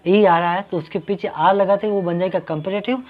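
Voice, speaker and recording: A man with a high-pitched, fairly even voice briskly teaches an English grammar lesson in a classroom style. He explains patiently, repeats each point, and poses questions he then answers himself. The recording is dull and lo-fi.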